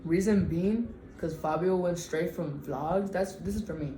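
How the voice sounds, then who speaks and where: A young woman around twenty talks openly in a relaxed vlog, her voice mellow and warm. She is frank and a little self-mocking, and the sound bounces around an echoey room with faint ambience behind her. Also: fairly low pitch, unhurried, slight background noise. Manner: frank, chatty, self-teasing. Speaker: vlog co-host. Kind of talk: casual Q&A vlog chat.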